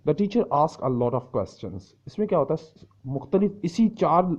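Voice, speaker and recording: A man teaching English who speaks slow, careful English lines and then explains them quickly, sometimes acting out the shouted answers. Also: medium pitch. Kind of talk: explaining in a lesson, switching between slow English lines and fast Urdu explanation. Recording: dull lo-fi recording.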